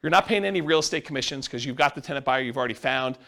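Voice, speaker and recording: A man's voice: medium pitch, animated, rapid-fire, vocal fry, pushed and bright. A man teaching a class, explaining step by step and asking the class questions. He says he is losing his voice. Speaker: real estate instructor.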